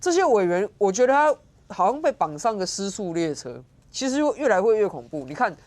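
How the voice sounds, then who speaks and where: A woman giving sharp, sarcastic political commentary as a guest on a TV talk show. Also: medium pitch, very animated, brisk. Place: TV studio.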